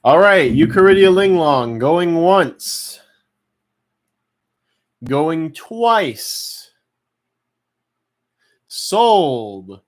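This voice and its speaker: A man working as an auctioneer, calling out bids and sales in drawn-out calls with sudden loud bursts. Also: a little high, very animated.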